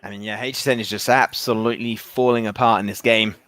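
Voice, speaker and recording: A man doing excitable play-by-play commentary on an esports football match, often restarting his sentences. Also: fairly low pitch, no echo. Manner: rapid, excitable calls with frequent restarts.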